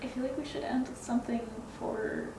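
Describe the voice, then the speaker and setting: A woman's voice: on the high side, wildly swooping pitch, fairly quick, darkish tone. A woman co-hosting a review, chatting casually in short interjections. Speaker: comic book reviewer, co-host. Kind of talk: casual chat, brief interjections. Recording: echoey room, faint background noise.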